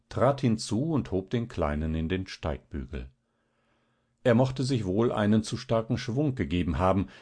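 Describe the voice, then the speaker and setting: A male audiobook narrator reading classic fiction in a measured, expressive way. His voice sits fairly low.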